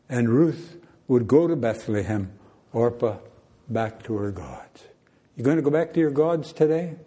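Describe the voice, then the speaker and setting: An older man preaching a sermon in a church, earnest and emphatic, with questions that rise in pitch. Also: warm tone.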